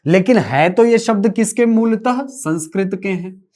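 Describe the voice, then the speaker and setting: Male lecturer, live class; unhurried, repetitive, chatty asides to students. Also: high voice, darkish tone. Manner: repeats key phrases, asks and answers own questions. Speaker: teacher.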